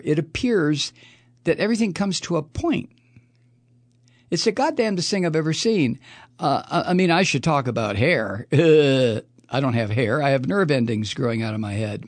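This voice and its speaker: Man, political commentary host, sardonic and profane, slightly high voice, dry close sound. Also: no room sound. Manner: sardonic, mocking, laughs often. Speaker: political talk show host.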